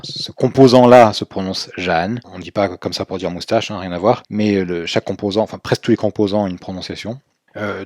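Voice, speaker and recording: A man's voice: on the low side, darkish tone, no echo, studio quality. A man teaching in a recorded video lesson, explaining step by step in a patient way, with fillers as he goes. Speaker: Chinese language teacher.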